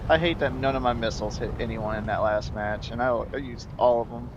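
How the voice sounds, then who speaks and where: A man's voice: medium pitch, fairly even intonation, a little fast, muffled recording. A man in a casual gaming voice chat, easygoing and joking, grumbling about how the match went. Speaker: gamer on stream. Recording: faint background noise.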